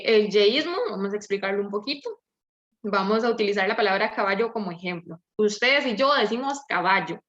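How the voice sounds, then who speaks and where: A young woman with a Latin American Spanish accent and seseo gives a hesitant class presentation, filling it with many fillers. Her mid-range voice is a bit bright, and the student presenter is captured in dull, lo-fi audio.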